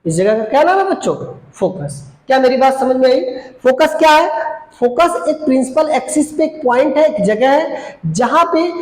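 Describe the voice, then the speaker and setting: Woman physics teacher, bright high voice, repetitive drilling delivery, echoey room with faint background noise. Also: lively intonation, normal speed. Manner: repeats key terms, asks and answers own questions; stretches out English definitions word by word. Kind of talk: classroom lesson at a board.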